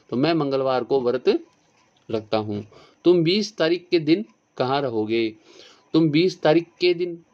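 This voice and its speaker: A man's voice: medium pitch, darkish tone. A man giving an exam-prep Hindi grammar lesson, explaining word meanings and correcting spellings, repeating each word aloud. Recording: dull lo-fi sound.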